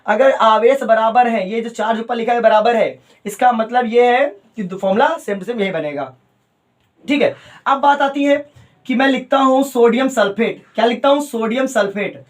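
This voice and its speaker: A man teaching a chemistry lesson at a coaching class. He calls his students "beta", repeats key terms slowly and mixes in English phrases. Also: extremely high pitch.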